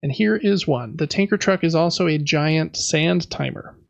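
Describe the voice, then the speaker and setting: Co-hosting a casual podcast, a man with a slightly high voice and some vocal fry talks at a normal speed, describing board games in an informal, hesitant, self-deprecating show-and-tell chat. The recording is dry and lo-fi.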